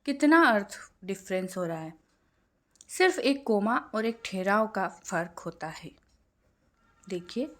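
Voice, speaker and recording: A young woman teaching a Hindi grammar lesson in a clear, explanatory way, slowing down to recite verse examples. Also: a little high.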